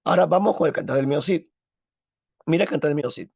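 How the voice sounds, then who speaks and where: A man's voice: a little high, fast talker, gravelly, darkish tone, slightly rough, dry recording. A man teaching a literature class, who drills the students with questions and answers them himself. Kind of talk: recorded class lesson. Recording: dull lo-fi, dry.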